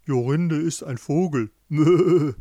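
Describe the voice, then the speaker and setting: A man voicing a slow-witted male ram who bleats loudly between words. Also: fairly high pitch, dry recording, clean studio sound. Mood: gossipy. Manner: bleating, loud. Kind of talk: fairy-tale reading.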